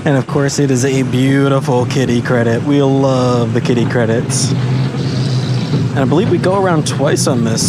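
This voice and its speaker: A man giving live, exclamatory on-ride commentary as a roller coaster vlogger outdoors. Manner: excitable, exclamatory, whooping. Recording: loud ride and wind noise. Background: roller coaster rumble and ride noise.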